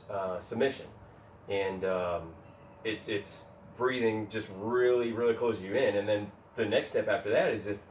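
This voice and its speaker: A man giving steady, explanatory advice on jiu-jitsu in casual instructional chat. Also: mid-range voice, slight background noise. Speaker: jiu-jitsu training partner. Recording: roomy, distant mic with faint gym ambience.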